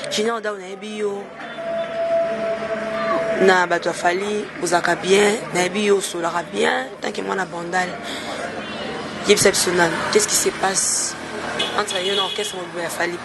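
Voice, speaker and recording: A woman hosting a casual talk show, sending shout-outs and greetings to fans and friends before interviewing a guest. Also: mid-range voice, fairly even intonation, unhurried, pauses often. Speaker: TV show host. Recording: noisy background ambience.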